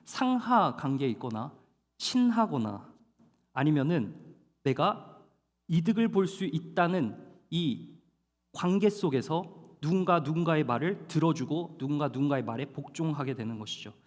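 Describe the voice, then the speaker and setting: A male pastor preaching a sermon to a young adult congregation, animated and storytelling, with dramatic slowdowns for emphasis. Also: a little high. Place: church hall. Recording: long hall reverb.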